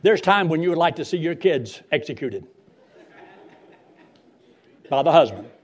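Male preacher, somewhat high register. Passionate, emphatic Bible sermon, direct address, key words stretched for weight. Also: expressive, unhurried, a faint crowd. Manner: direct address with rhetorical questions. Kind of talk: sermon with Bible reading and storytelling.

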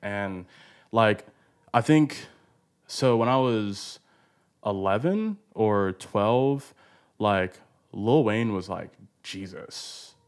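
A man's voice: lowish voice, drawn-out words, smooth. A man in his twenties hosting a podcast, chatty and loose, with frequent "like"s and casual swearing. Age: 20s. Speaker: podcast host. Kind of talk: casual interview chat.

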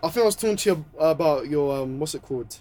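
A man's voice: on the high side, lively intonation, quick pace, mellow. A young man with a London accent and slangy roadman delivery, chatting casually in a group. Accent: London, multicultural street slang.

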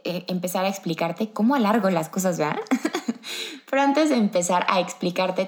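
An upbeat woman with a Mexican accent hosts a motivational podcast. She is chatty and talks straight to her listener. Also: medium pitch. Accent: Mexican Spanish. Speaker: podcast host.

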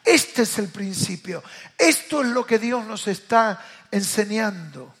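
A man with a Rioplatense accent preaching a passionate sermon, rising to loud calls and then dropping to hushed asides. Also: sits high, unhurried, slightly rough. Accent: Rioplatense Spanish. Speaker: pastor.

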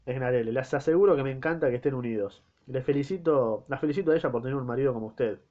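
Argentine man reading as a smooth-talking quack doctor, lecherous and flowery, mid-pitched, dull lo-fi sound. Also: fast, close to an everyday voice. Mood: flattering. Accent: Argentine Spanish. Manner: flowery, flattering courtly speech. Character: scheming lecherous fake doctor, adult man.

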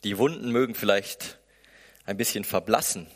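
A man's voice: fairly low pitch, moderate pace. A man preaching a sermon in German in a conversational way, often slipping into the inner voices of the people he describes. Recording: echoey hall with long reverb.

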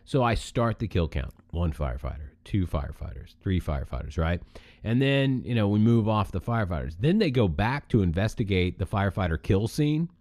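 A man's voice: on the low side, lively intonation, fairly quick, a little mellow, dry recording. A man co-hosting a podcast, chatting casually and telling things with emphasis. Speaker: podcast co-host. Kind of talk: casual chat.

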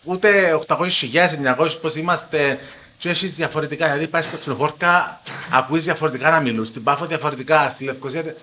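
A young man speaking Greek with a broad Paphos Cypriot accent, his voice bright and forward. He tells his career story as a podcast guest, leaning on words and swinging up and down as he goes. It sounds like relaxed, friendly conversation. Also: on the high side. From Paphos, Cyprus. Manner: animated, emphatic storytelling. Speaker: TV journalist guest. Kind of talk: casual podcast interview.

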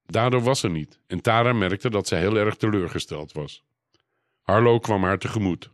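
A man reading a children's storybook aloud in a calm, even narration. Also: fairly low pitch, moderate pace, no echo, clean studio sound.

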